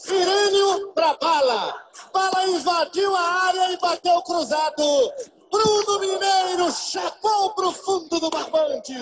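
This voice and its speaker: A man giving explosive goal commentary on a football match, shouting with drawn-out calls in an archive radio broadcast. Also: very high voice.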